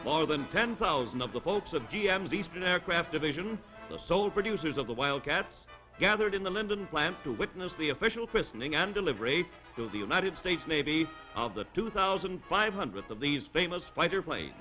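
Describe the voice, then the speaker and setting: A man narrating an old 1940s newsreel with brisk, upbeat announcer delivery. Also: fairly high pitch, sing-song, low-quality recording. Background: music.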